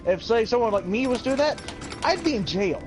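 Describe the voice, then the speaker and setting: A man's voice: very high-pitched, expressive, a little fast. A man chatting casually and telling stories in an emphatic, sweary way. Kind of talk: casual chat, telling anecdotes. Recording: music behind the voice. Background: music.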